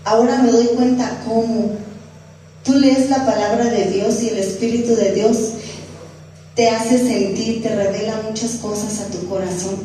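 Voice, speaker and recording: A woman's voice: fairly high pitch, steady tone, unhurried, mellow, a little hiss or hum. A woman preaching a sermon in a church, earnest, often repeating herself and asking the congregation questions. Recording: echoey church room from far off.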